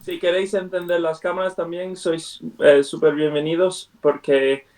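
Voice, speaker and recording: Leading prayer and Bible study over a video call at home, this man speaks haltingly, with plenty of fillers and restarts, in Spanish that isn't his native tongue. His voice sits a little high and darkish, barely moving in pitch. A computer mic catches him from a distance.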